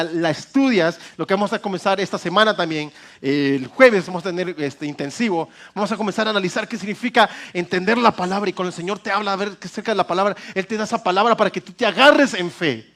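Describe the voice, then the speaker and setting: High-voiced, joking pastor. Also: male voice. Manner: humorous, lively, mixes in English phrases. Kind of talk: sermon. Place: church.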